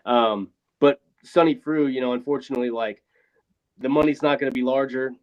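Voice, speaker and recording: A man talking casually on a podcast, rambling and frank with the odd swear, his voice thin and boxy with no bass, like he is in a phone booth. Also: a little fast, darkish tone. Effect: thin boxy sound with no bass, like a phone booth. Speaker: podcast co-host. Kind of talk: casual sports chat. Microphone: failing wireless earbuds over a remote call. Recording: thin lo-fi earbud mic.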